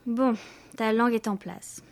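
A woman voicing a bossy young French girl who bosses her brother and stumbles through halting English. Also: fairly high pitch, steady tone. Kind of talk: audiobook character voice.

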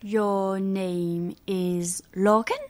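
A woman voicing a bossy young French girl who bosses her brother and stumbles through halting English. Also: fairly high pitch, darkish tone. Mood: hesitant, pleading. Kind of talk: audiobook character voice.

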